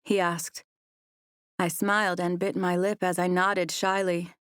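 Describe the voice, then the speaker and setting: A woman narrating a first-person romance audiobook in a soft, even storytelling voice on a close mic. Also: lowish voice, a little slow, smooth, no echo.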